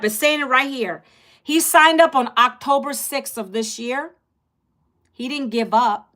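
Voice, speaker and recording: With a sharp tone, a middle-aged woman hosts an informal stream and makes an emphatic, lively pitch for an online course to the people watching.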